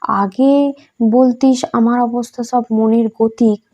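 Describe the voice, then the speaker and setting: A woman voicing an elderly male saint who talks gently and playfully, in a storybook reading. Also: on the high side, steady tone, slow. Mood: gentle.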